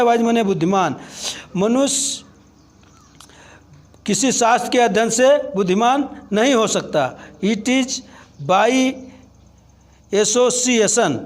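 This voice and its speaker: Male teacher, high voice, unhurried word-by-word glossing for school pupils. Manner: slow, deliberate word-by-word glossing. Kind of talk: word-by-word translation lesson.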